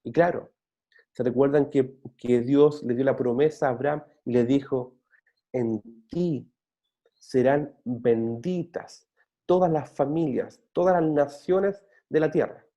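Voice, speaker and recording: A man's voice: medium pitch, a little slow, highs cut off. A man, a pastor delivering an earnest sermon with fillers and restarts, then praying. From Chile. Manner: earnest, steady preaching with frequent restarts and fillers. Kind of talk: sermon closing in prayer. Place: church.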